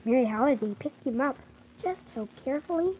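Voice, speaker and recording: A woman voices a polite, earnest orphan boy in a 1940s children's radio drama, telling his tale with wide-eyed wonder. Her high voice is animated and brisk, and the thin, phone-like period recording carries a little hiss or hum.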